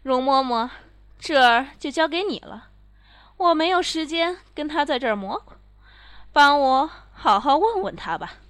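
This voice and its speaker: A woman's voice: high voice, lively intonation, measured pace, a bit bright, no echo, clean studio sound. A woman playing a cold, commanding empress. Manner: commanding, scornful. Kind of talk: period palace drama acting.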